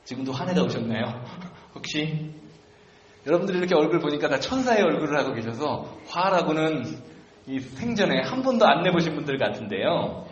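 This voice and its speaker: Animated male pastor in echoey church. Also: a little high, fairly quick. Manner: conversational, self-deprecating storytelling. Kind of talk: sermon. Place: church sanctuary. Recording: echoey church room, dull lo-fi sound.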